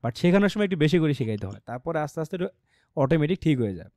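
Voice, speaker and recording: A man teaching an online English pronunciation class, explaining patiently and modeling phrases slowly with strong word stress. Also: on the high side, very animated, a little mellow, no echo, studio quality. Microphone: computer mic on a video call.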